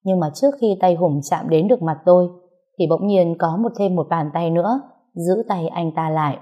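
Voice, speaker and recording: A woman's voice: fairly low pitch, moderate pace, lo-fi sound. A woman narrating a first-person audio story with a bitter, emotional telling.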